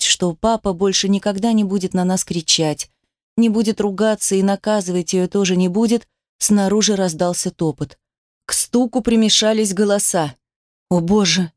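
A woman narrates a first-person audiobook with tense, emotional delivery. Her voice sits at an ordinary middle pitch. The recording is close and dry, with no room sound. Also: a little mellow, no room sound.

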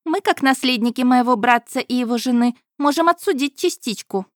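A woman voicing a spiteful, bratty young noblewoman who talks in a shrill, demanding voice. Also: brisk, dry recording, studio quality, lightly acted. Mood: scheming.

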